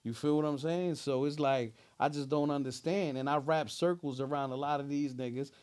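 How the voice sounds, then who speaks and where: A man's voice: fairly high pitch, steady tone, normal speed, darkish tone, clear, resonant tone. A man with a New Jersey accent talking casually as a rapper being interviewed, using heavy street slang and emphatic, repeated check-in phrases.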